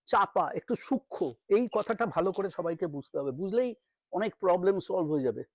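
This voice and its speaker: A man's voice: high voice, lively intonation, no echo. Middle-aged male English teacher, patient drilling delivery, dry close sound. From Bengal. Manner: repeats words slowly to drill pronunciation. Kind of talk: spoken English lesson in Bengali.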